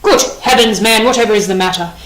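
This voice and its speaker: A woman's voice: medium pitch, quick pace, noisy background, close to an everyday voice. A woman reading the part of a stern, unbending male king in an audiobook play, grave and declamatory in manner. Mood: impatient.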